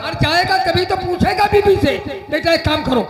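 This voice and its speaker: A man's voice: very high voice, moderate pace, reverberant. A man playing a scheming older father giving orders on a folk stage. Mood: commanding. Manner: commanding, sly. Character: scheming older father, head of a crooked family. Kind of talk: live folk stage acting. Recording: live stage with loud music.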